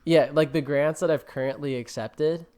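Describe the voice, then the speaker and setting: A man's voice: on the high side, steady tone, normal speed, a little mellow. A man co-hosting a podcast in casual chat, rambling with lots of fillers and jokes. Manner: rambling, filler-heavy, jokey. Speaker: podcast co-host.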